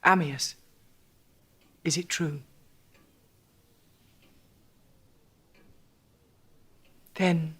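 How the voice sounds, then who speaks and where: A poised, icily sarcastic English wife. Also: female voice, sits low, fairly even intonation, slow pace, a bit bright, breathy edge, full character voice. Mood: controlled, tense. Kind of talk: period television drama acting.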